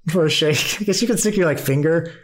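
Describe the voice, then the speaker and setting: A game master narrating a tabletop game in an animated way, full of laughter and quick restarts. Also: mid-range voice.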